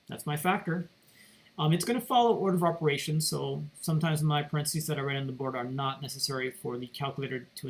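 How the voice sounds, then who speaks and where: A man's voice: on the high side, vocal fry, poor audio. A man teaching math, walking students through calculator steps in a casual, think-aloud way while seated at his computer. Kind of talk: recorded calculator tutorial lecture. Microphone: computer mic.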